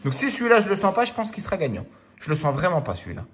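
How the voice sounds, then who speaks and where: Slightly high and full of huge pitch swings, the man's voice carries a casual home chat as he scratches lottery tickets. He's a scratch-card vlogger who teases his nearby children and draws each number out playfully.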